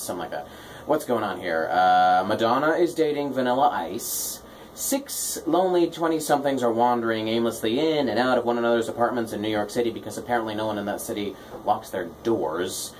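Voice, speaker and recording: Male radio host for offbeat, self-mocking patter; lively, swooping intonation, faint background noise. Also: medium pitch, low-quality recording. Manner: playful, tongue-in-cheek, self-deprecating. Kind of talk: casual comic radio patter.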